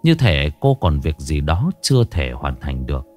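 A man narrating a scripted ghost story in a dramatic, expressive reading. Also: very deep voice, normal speed, soft background music.

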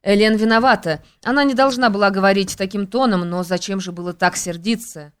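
A woman reads as a gentle young gentleman who tries to smooth things over. The voice stays clear and smooth at a middle pitch. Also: brisk, lightly acted. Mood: placating. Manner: placating. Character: mild young nobleman, engaged.

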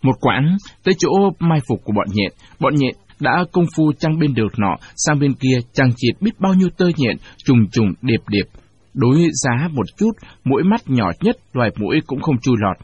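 A man with a husky voice narrating a storybook audiobook in a measured, expressive way. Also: medium pitch. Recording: dull lo-fi recording.

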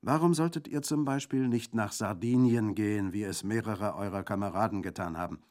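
A man's voice: fairly low pitch, a little fast, a little mellow, pitched above the performer's own voice, close to an everyday voice. A man voicing an earnest, courteous young lieutenant in a radio reading.

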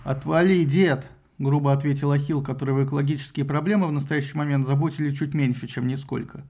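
A man narrating an audiobook with ironic, lively storytelling. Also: medium pitch, fast talker, muffled recording.

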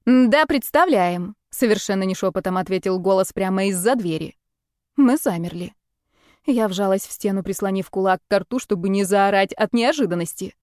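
A woman's voice: mid-range voice, fairly quick, a little mellow, no room sound, studio quality. A woman reading a first-person story as an audiobook, with a wry, conversational manner. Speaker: narrator.

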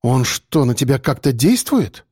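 A firm, decisive woman geologist, as a male audiobook narrator puts her on. The voice is darkly mellow and close, with a dry sound and no room around it. She talks in short, resolute phrases. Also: mid-range voice, very animated, unhurried, slightly rough, dry recording. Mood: determined.

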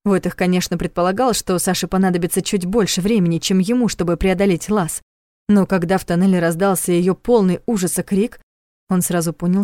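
A woman narrating a thriller audiobook in a measured, even storytelling manner. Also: mid-range voice, dry recording, studio quality. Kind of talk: scripted narration.

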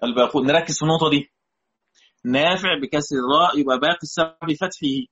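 A man's voice: a little high, quick pace, fairly bright tone, slightly rough, highs cut off. A man with an Egyptian accent teaching a recorded lesson on Quranic readings, patiently repeating key words and quizzing his students. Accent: Egyptian Arabic.

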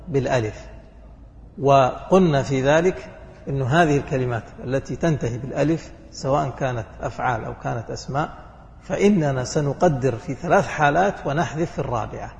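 A man's voice: medium pitch, darkish tone, big-room sound, dull audio. A man teaching a grammar lesson, asking questions and answering them himself. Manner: asks questions then answers them, checks understanding. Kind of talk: classroom lesson.

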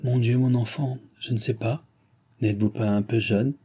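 A fretful old spinster, hesitant and uneasy, as a man puts her on. Her halting words come in a dark, husky tone. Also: medium pitch, steady tone, close to an everyday voice.

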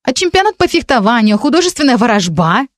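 A woman voicing Vika, an indignant, bossy teenage witch girl who scolds in a high, shrill voice. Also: sing-song, fast talker, no room sound, studio quality. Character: sharp-tongued young witch girl, purple-haired, bossy.

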